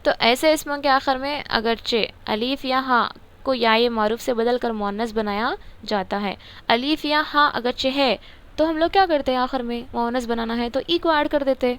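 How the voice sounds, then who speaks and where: A teacher with a fairly high, slightly bright, smooth voice walks through a grammar textbook in a casual lesson. She repeats words and poses questions, then answers them herself.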